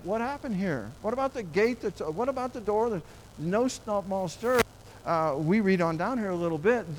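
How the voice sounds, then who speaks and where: A man preaching a sermon. He reads scripture verse by verse and comments on it in an animated, folksy way. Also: high voice, a little hiss or hum, low-quality recording. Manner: animated, excitable, acts out scripture characters in a raised voice; folksy, informal delivery with restarts and asides.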